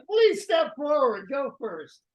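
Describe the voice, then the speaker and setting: A person leading a club meeting, announcing each item briskly and stumbling into fillers when ad-libbing. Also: sits high, very animated, roomy sound, poor audio. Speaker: meeting presider.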